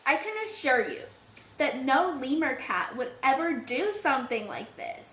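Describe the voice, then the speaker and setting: A woman's voice: high voice, expressive, moderate pace, a bit bright. A woman playing a melodramatic, self-important small-town girl cheer captain who gushes and sniffles. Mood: tearful. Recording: echoey room.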